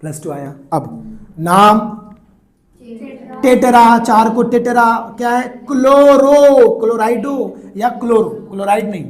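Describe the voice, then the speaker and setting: A man, teaching chemistry in a lively, repetitive way and teasing his students. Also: high-pitched, a little slow. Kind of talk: classroom lecture.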